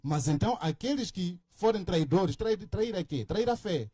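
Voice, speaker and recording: A man's voice: sits high, lively intonation, moderate pace, mellow, breathy edge, no room sound. A man, a pastor in a religious debate, who argues with pointed rhetorical questions.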